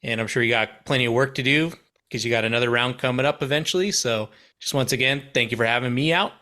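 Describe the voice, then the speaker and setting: A man's voice: mid-range voice, fast talker, sharp tone. A man co-hosting a casual podcast, cheerful and thankful. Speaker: podcast co-host.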